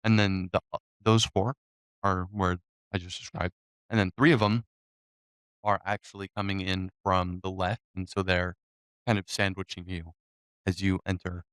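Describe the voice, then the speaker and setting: A man narrating a tabletop game as game master, unhurried and filling pauses with "um". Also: deep voice, level tone, fairly bright tone, smooth, no room sound, studio quality. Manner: unhurried, with frequent "um" fillers.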